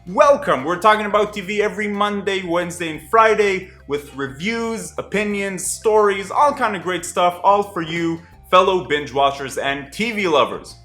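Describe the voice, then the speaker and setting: Bright-voiced man reviewing TV. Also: sits high, normal speed, few pauses, roomy sound, soft background music. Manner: chatty, wry and animated. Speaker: TV review vlogger. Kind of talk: casual review vlog.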